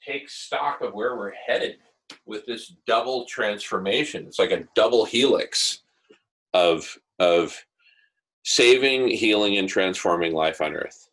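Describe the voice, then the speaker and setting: A man's voice: fairly low pitch, slow, fairly bright tone, low-quality recording. A man hosting an online group discussion, talking casually and at length in an enthusiastic, idealistic way with emphatic repetition, heard through earbuds on a call. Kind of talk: casual, rambling visionary talk. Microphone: earbuds on an online video call.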